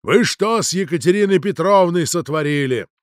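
A man voicing a stern male priest who scolds in a booming voice. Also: lively intonation, normal speed, no echo, clean studio sound. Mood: scolding.

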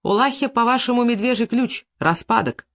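A reader voicing a friendly local man explaining something in confidence, earnest and unhurried. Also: medium pitch, fairly bright tone, pitched above the performer's own voice, lightly acted. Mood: confiding.

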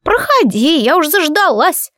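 A creaky, loud old woman of ninety, put on by a woman reader in an audiobook. She speaks high and slow, drawing out her grumbles. The recording is dry and close. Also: sing-song, no room sound, heavily acted. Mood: welcoming. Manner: drawn-out, scolding. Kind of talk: audiobook character voice.

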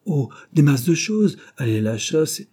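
A man's voice: fairly high pitch, very animated, normal speed, warm tone, husky, pitched above the performer's own voice. A male narrator voicing a petulant young man who pleads and sulks in an audiobook. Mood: petulant pleading. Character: sulky restless young man student. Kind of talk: audiobook character reading.

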